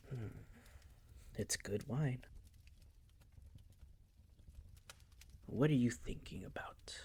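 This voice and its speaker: In an intimate audio roleplay, a man voices a possessive, suave vampire master, speaking hushed and breathy with a silky, teasing, condescending air. His pitch sits fairly low and he commits fully to the character, his mood coaxing and playful.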